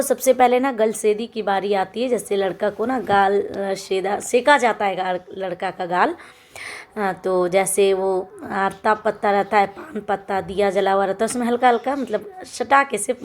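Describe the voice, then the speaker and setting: A young woman talks over her own wedding footage in a relaxed, chatty way. She laughs lightly as she walks through each custom, like she is telling a friend. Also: medium pitch. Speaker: vlogger. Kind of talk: casual vlog voice-over.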